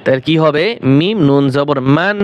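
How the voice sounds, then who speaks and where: A man with a Bangladeshi Bengali accent teaching Quran recitation, spelling out letters syllable by syllable and drawing recited words out slowly, often asking and answering his own questions. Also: on the high side, muffled recording, slight background noise. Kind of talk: slow spelling-out Quran lesson.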